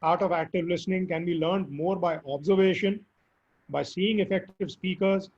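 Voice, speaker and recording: A man with a hoarse, squeaky voice from recent illness, answering interview questions earnestly and emphatically. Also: steady tone, moderate pace, a little mellow. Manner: earnest, emphatic advice with fillers. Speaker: guest speaker. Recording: dull lo-fi audio.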